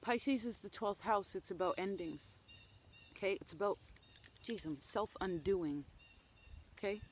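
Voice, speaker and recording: A woman's voice: medium pitch, measured pace, slightly rough. A woman giving a casual tarot reading outdoors in the woods, talking loosely and often checking in with "okay?". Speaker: tarot reader.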